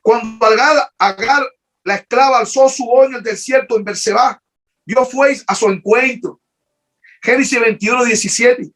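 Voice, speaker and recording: High-voiced fervent male preacher. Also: fairly bright tone. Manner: fervent, repetitive, halting restarts. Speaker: pastor. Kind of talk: emotional sermon.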